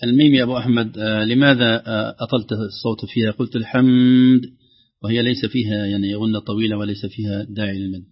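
Male tajweed teacher, patient, husky voice, muffled lo-fi broadcast sound. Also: on the low side, steady tone. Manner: patient, explains slowly, models recitation with drawn-out words. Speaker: Quran recitation teacher. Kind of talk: live radio tajweed lesson.

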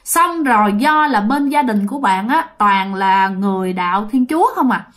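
A woman's voice: mid-range voice, normal speed. A woman with a Southern Vietnamese accent telling a ghost story, speaking straight to her listeners. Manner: lively, addresses listeners directly.

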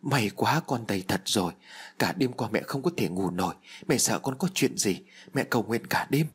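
A man's voice: fairly low pitch, animated, normal speed, slightly rough. Man reading as a fretful middle-aged mother. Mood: relieved. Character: relieved tearful mother, middle-aged woman.

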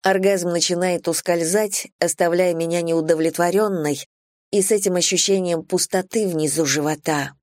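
A woman narrating a first-person romance audiobook in an even, intimate, low-key reading. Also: normal speed, no echo, studio quality.

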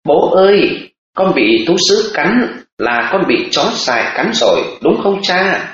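A man voicing a frightened young girl who pleads with her father in a high, tearful way. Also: very animated, takes it slowly, fairly bright tone, slight background noise, exaggerated voice. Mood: anxious. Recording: echoey, dull audiobook recording.

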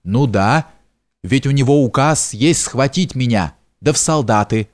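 A man's voice: medium pitch, animated, a little slow, lightly acted. Male narrator doing a panicked young nobleman: breathless, stammering, mid-range. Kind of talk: audiobook character reading.

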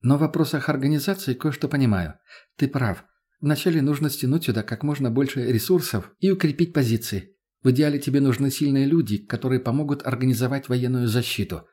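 A man's voice: medium pitch, brisk, mellow, husky, close to an everyday voice. A man voicing a sly, persuasive businesswoman of about thirty in an audiobook. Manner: knowing, persuasive.

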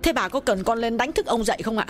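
A woman's voice: fairly high pitch, animated, fast, close to an everyday voice. A woman voicing an anxious young village woman. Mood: alarmed. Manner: anxious, pressing questions. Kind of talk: audiobook dialogue reading.

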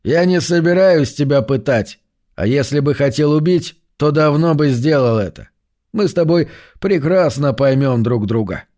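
A man voicing a proud, cold male android leader in an audiobook, speaking slowly and commandingly. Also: a little high, expressive, a little mellow, lightly acted.

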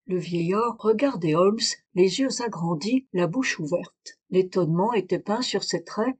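A woman narrating an audiobook in an even, clear storytelling manner. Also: lowish voice, measured pace. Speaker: audiobook reader.

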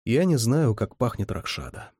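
A reserved young ruler with a dark, husky voice and curt, dry lines, as a man reads him. The sound is close and dry, with no room around it. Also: mid-range voice, big pitch swings, moderate pace, no echo. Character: young male ruler, guarded and dry-humored. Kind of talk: audiobook character reading.

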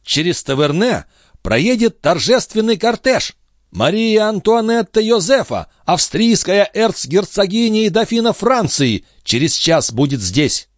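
A man voicing an excited young male officer greeting his father in an audiobook. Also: high-pitched, measured pace, no room sound, clean studio sound, voice pushed up. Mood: eager. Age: young adult. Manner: eager, proud, exclaiming.

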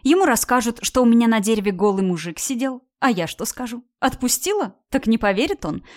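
A woman's voice: on the high side, lively intonation, a little fast, close to an everyday voice. A woman voicing a brash, teasing woman of thirty. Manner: teasing, loud, bossy.

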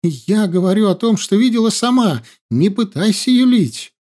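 A distraught young princess with a raised, lively, strained voice, as the male reader of this audiobook puts her on. She flings accusations and breaks into tears, her pitch swinging widely. The tone stays dark and mellow underneath. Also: normal speed. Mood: accusing. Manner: accusing, tearful, high-pitched. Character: young grieving furious princess woman.

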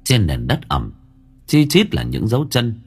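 A man narrating a spooky village story dramatically, dropping to hushed lines and rising again. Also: wildly swooping pitch, a little slow, faint music behind. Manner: dramatic, swinging between hushed low lines and raised ones. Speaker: audiobook narrator.

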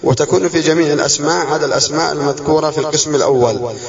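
A man teaching a classroom lesson, reading a text aloud and then firing questions at his students and repeating the key words. His voice sits a bit high for a man and comes from away from the mic. The recording is dull and lo-fi, with a roomful of students clearly audible around him. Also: fairly even intonation, rapid-fire, distant mic, a loud crowd. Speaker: teacher of Arabic spelling.

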